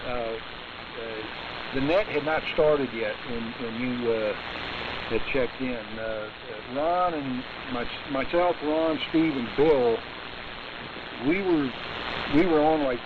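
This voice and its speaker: A man running a radio net, heard over AM radio with heavy static hiss, chatting in a relaxed way with many fillers. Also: medium pitch, slow. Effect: received over AM radio, with heavy static hiss. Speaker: radio net control operator. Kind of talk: casual on-air chat. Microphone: radio transmitter. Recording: muffled AM radio with loud static.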